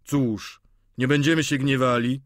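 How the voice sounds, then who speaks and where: A man reading an audiobook, voicing a brash, witty boarder who jokes loudly and teases the table. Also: medium pitch, steady tone, measured pace, no echo, clean studio sound, pitched above the performer's own voice, natural voice. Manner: loud, jovial banter. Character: brash, witty male boarder, cocky and mocking.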